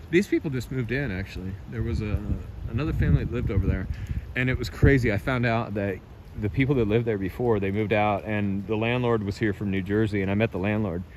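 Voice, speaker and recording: An American man hosting a casual, rambling live vlog outdoors on a residential street, talking in a blunt, offhand, profane way. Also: lowish voice. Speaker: livestream host. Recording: loud wind and outdoor rustle.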